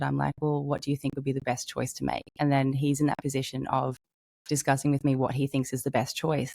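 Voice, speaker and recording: A woman's voice: a bass voice, vocal fry, darkish tone, dry recording. A woman, co-hosting a casual chat and speaking frankly with casual swearing. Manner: frank, swears casually, talks through stories in quick bursts. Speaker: podcast co-host.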